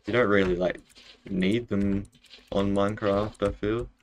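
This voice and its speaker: A young man with a broad Kiwi accent and a lowish voice chats to viewers while he plays. He is laid-back and matey, calling people bro. There is clear noise behind him in the room. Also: steady tone, measured pace. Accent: broad New Zealand. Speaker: game streamer. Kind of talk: casual live-stream chat while gaming. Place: bedroom, indoors.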